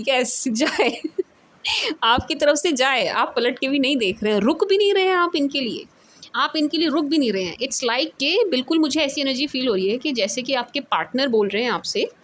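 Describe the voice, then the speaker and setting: A woman with a fairly high voice gives a casual tarot reading to camera, recorded away from her usual spot. She stresses her points by repeating them and laughs often as she goes. Her speech switches freely between Hindi and English, and a faint ambient hum sits under her voice. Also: a bit bright. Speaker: tarot reader.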